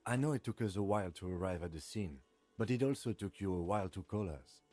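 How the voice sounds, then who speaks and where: An actor playing a calm, formal male police lieutenant who speaks precisely. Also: sits low, fast, faint music behind. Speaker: game character.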